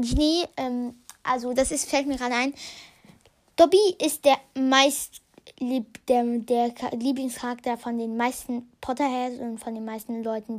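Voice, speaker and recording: A woman hosting a casual podcast, reading short passages from a book and commenting on them, thinking aloud with many fillers and restarts. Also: high voice. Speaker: podcast host.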